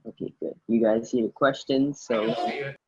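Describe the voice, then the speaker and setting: A man's voice: mid-range voice, fairly even intonation, moderate pace, dull audio, a crowd in the background. A man, tutoring students in an informal online session, speaking hesitantly and often restarting his sentences. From Guyana, raised in the Bahamas. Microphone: video call.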